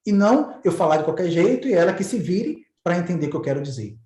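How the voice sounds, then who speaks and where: A man's voice: sits high, animated, quick pace, warm tone. A man hosting a talk, explaining ideas in a casual, conversational way and illustrating them with little stories, often repeating words as he searches for them. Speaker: host explaining neuro-linguistic programming. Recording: roomy echoey recording.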